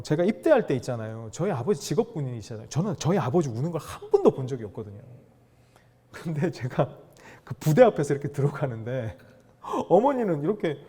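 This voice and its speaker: Animated male lecturer with lively pitch. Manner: animated, acts out dialogue, asks audience questions. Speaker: seminar lecturer on fatherhood. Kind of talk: lively lecture to an audience of fathers.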